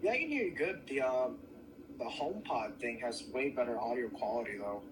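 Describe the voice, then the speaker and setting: A man's voice: mid-range voice, expressive, fairly quick, background noise. Man on a phone call through a speaker. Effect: voice heard over a phone call through a speaker. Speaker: the host's son on a phone call. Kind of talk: casual phone chat.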